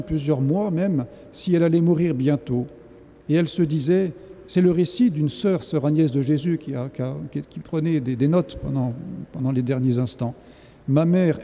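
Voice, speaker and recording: A man's voice: fairly high pitch, mellow. A man preaching a sermon as a priest, speaking in an earnest, exhorting way. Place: large church. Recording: long church reverb.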